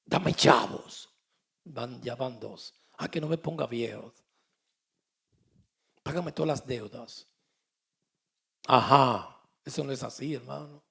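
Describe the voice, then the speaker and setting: Gravelly pastor preaching. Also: male voice, mid-range voice, takes it slowly, long pauses. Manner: swings from quiet asides to loud emphatic declarations. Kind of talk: sermon.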